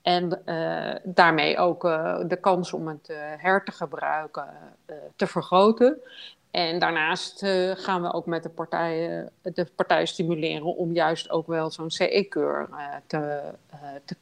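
Gravelly-voiced woman on a phone line. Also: sits low, fairly even intonation. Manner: hesitant, halting with many fillers. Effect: heard over a phone line. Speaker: guest expert on a phone line. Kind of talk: panel discussion.

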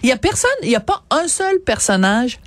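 A woman's voice: a little high, sing-song, fairly quick, no room sound. A woman with a Québécois accent hosting a radio show, playful and fond of wordplay in casual chat. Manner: playful, punning. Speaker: radio host.

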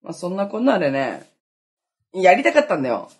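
A woman's voice: fairly low pitch, big pitch swings, a little fast, slightly rough. A young woman in her twenties hosting a casual solo podcast, chatty and self-mocking, laughing often as she talks. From Okinawa, Japan. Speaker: podcast host.

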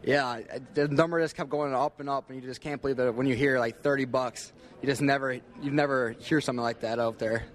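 Halting young American man, mid-pitched. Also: steady tone. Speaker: interview guest, livestock exhibitor. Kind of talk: casual interview answers.

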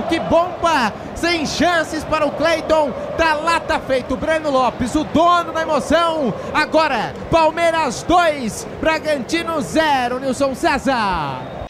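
A Brazilian man reporting on football in excited commentary, shouting short punchy phrases. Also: very high-pitched. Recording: noisy stadium crowd broadcast. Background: crowd and noise.

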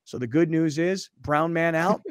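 Casting note: middle-aged male radio host, lively chatty delivery, slightly higher voice, dry close sound. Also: normal speed, clear, resonant tone, no room sound. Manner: energetic, conversational. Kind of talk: sports talk radio.

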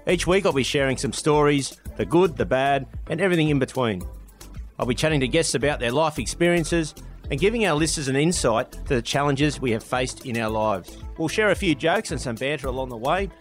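A man's voice: medium pitch, animated, a little fast, roomy sound, soft background music. An Australian man hosting a podcast, talking with a guest in a friendly, bantering way. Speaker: podcast host. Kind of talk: casual interview chat.

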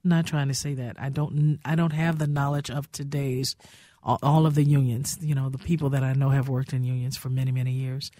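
A woman's voice: a bass voice, flat delivery, brisk, warm tone, no echo. An older woman hosts a radio talk show from a studio. She tells stories in a heartfelt, reminiscing way, and her voice sits close and dry with no room sound.

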